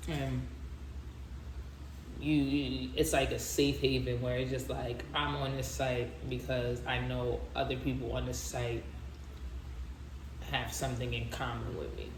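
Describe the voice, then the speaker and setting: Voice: medium pitch, steady tone, unhurried, pauses often. A video host chatting casually and informally to viewers, with lots of slang and direct address. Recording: roomy echo with faint background noise.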